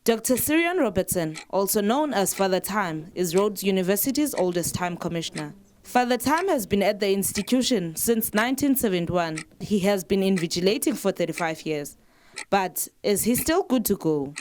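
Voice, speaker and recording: A woman student reporter reading a mock-serious satirical news report in deadpan style. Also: mid-range voice, normal speed.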